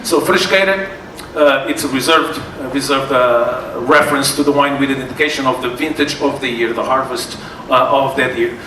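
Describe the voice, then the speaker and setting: In a hall lined with tasting tables, a man with a Portuguese accent leads a wine seminar as a sommelier. He speaks in a mid-range voice, stumbling through many fillers and false starts. The mic sits at a distance, and the room is noisy and echoing.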